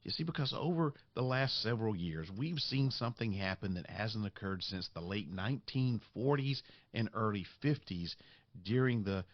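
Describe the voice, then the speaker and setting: A deep-voiced man delivers a podcast monologue in a dry, close sound. His voice is raspy and congested, as if under the weather. He phrases things with deliberate drama. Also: no room sound, muffled recording. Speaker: podcast host.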